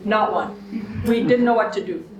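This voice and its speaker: A woman's voice: medium pitch, unhurried, a crowd in the background. A woman in her seventies telling anecdotes to a small group, chatty, often laughing and acting out what people said. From Canada. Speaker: guest speaker. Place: room with a small live audience. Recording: echoey room.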